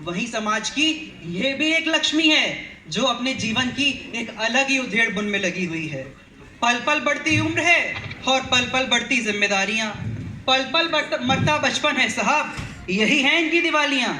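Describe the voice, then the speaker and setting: A man narrating a stage play, slow and dramatic, with a very high, bright voice. His words ring around an echoey stage hall, with faint noise underneath.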